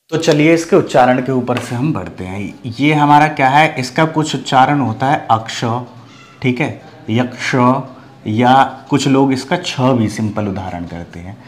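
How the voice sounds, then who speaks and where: A man from Bihar, India, teaching an online grammar lesson. He explains step by step, asks rhetorical questions and says "okay" often. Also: mid-range voice. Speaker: Hindi teacher.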